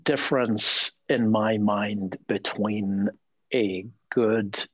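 A man speaking as a lawyer guest in a conversational interview, earnest and animated, often repeating words as he thinks aloud. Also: lowish voice, husky, dry recording, rough recording.

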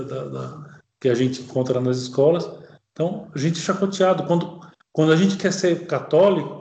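A man's voice: on the high side, dark tone. Man preaching in an echoey room. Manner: alternates slow solemn reading with quick conversational commentary. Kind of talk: sermon commenting on a read text.

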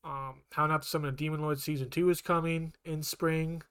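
This podcast co-host has a brisk, clean voice on the higher side. He chats casually in an even tone, rambling and frequently restarting to correct himself.

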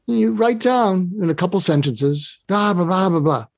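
A man's voice: high voice, expressive, normal speed, creaky, dry recording. A man speaking as a podcast guest, earnestly guiding the listener through an exercise and often repeating words as he restarts his phrases. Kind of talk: casual interview talk.

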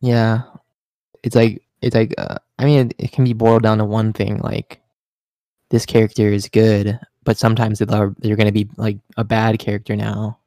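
A man's voice: on the low side, flat delivery, normal speed, dark tone, no room sound. Rambling man hosting a podcast, dry sound. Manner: hedging, rambling, many fillers. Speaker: podcast host. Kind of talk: casual chat.

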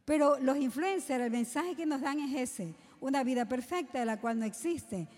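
Woman preacher, high voice, rhetorical questions, long hall reverb. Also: moderate pace, a little mellow. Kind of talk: sermon to young people.

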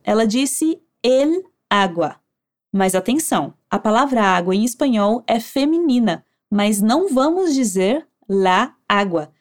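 This woman's voice is high and a touch mellow as she narrates a Spanish lesson in a Brazilian Portuguese accent. She offers clear, upbeat directions and models phrases slowly so listeners can repeat them in drills.

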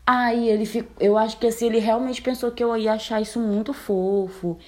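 A woman in her twenties telling a story in a casual, animated way, laughing often and acting out both sides of the talk. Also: on the high side, fairly quick. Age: 20s. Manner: animated, laughing, quotes herself and her date. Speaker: storyteller recounting a bad date.

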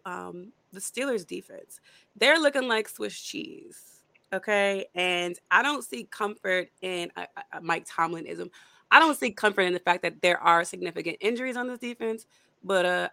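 A woman's voice: medium pitch, normal speed, vocal fry, sharp tone, no room sound. A woman hosting a casual sports podcast, chatty and upbeat with lots of fillers. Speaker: podcast host.

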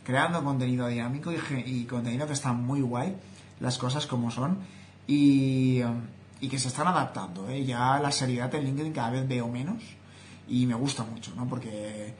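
A man's voice: mid-range voice, normal speed. A young man with a Spain Spanish accent talks straight to his viewers in a casual vlog monologue. His views come out blunt and opinionated. The room around him rings a little, with a faint hum of ambience behind. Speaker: social media content creator. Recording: roomy echo, faint ambience.

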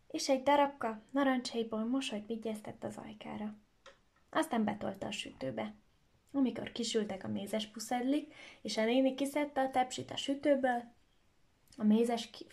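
A woman telling a children's story aloud in a lively, expressive way. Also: fairly high pitch.

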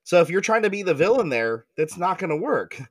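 A man hosting a casual podcast chat, joking and animated, laughing often as he talks. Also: sits high, brisk, dry recording. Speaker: podcast host. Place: recording in Germany.

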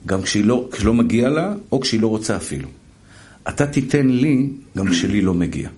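A man's voice: fairly low pitch, lively intonation, darkish tone. A middle-aged man, a rabbi, preaching a sermon and telling stories with voiced quotes and repetition.

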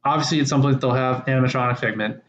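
Rambling and teasing, this male podcast co-host keeps breaking off partway through his thoughts in a relaxed conversation. His mid-range voice is steady in tone, slightly bright, and quick. Expect a dull, roomy lo-fi sound with a touch of background noise.

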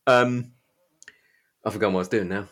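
A man from Derbyshire, England, with an East Midlands English accent hosts a podcast, chatting informally about a book. His voice sits on the low side, steady in tone, fairly quick and a bit bright.

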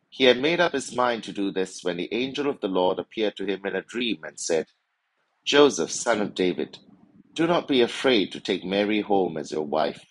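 Low-voiced priest reading solemnly. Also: male voice, rough recording. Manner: measured, formal, solemn delivery. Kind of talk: liturgical Gospel reading and homily.

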